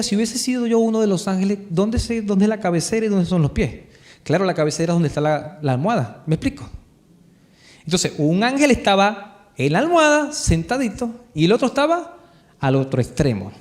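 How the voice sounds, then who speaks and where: Man, Chilean accent, pastor, live sermon, high voice, very lively intonation, asks the congregation questions. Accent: Chilean Spanish. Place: church before a congregation.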